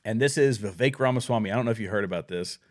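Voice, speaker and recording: Rambling low-voiced man hosting. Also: racing. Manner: rambling, restarts, reads news aloud. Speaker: podcast host. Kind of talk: casual political chat.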